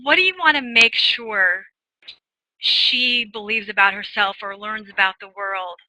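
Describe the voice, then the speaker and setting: Bright-voiced woman interviewer. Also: medium pitch, unhurried, no echo, low-quality recording. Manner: warm-hearted, encouraging, long rambling questions. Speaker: interview host, mother. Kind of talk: casual interview questions.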